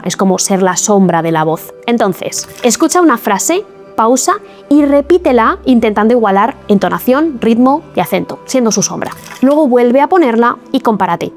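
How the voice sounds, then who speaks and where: A fairly high-voiced woman teaches in a scripted video lesson, explaining each step clearly and with encouragement. Soft music plays faintly beneath her voice. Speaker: English teacher.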